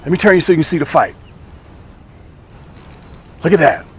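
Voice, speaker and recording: On an outdoor fishing show, a man with a fairly high voice talks at a moderate pace, exclaiming and repeating phrases for emphasis as he demonstrates and sells tackle. There's a little hiss or hum in the audio.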